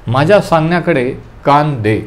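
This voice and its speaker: A man leading a Bible study, teaching calmly and telling listeners to underline verses, with English terms mixed in. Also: fairly high pitch, moderate pace. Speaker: preacher.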